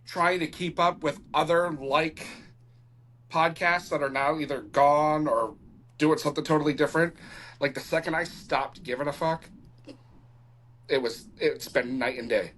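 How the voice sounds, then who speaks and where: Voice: medium pitch, unhurried, long pauses, a bit bright, slight background noise. Laid-back podcast host, casual. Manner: laid-back, frequent fillers like "you know" and "right".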